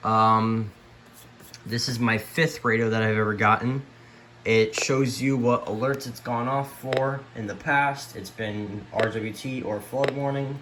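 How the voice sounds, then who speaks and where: A man with a fairly low voice shows off his radio collection in a casual, unplanned home video tour, stumbling along and letting sentences fade out. The room sounds spacious, with clear background noise and a weather radio broadcast running.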